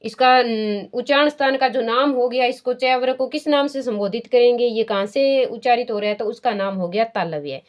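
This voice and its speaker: A woman with a voice a little above the usual pitch teaches a grammar lesson. She poses questions and answers them herself, repeats the key terms, and slows right down to draw out each sound she demonstrates. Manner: draws out sounds slowly to demonstrate pronunciation.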